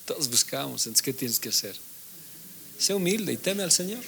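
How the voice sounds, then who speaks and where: Medium-pitched and creaky at a moderate pace, with a little hiss or hum, a male pastor preaches animatedly to a Bible class. He reads scripture aloud and poses questions to listeners that he answers on his own.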